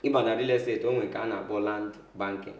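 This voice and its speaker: Low-pitched Igbo-accented man in echoey room. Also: fairly even intonation, fast. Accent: Igbo Nigerian. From south-eastern Nigeria. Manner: switches often between Igbo and English. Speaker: interview guest, real estate lawyer. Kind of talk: conversational interview, explaining.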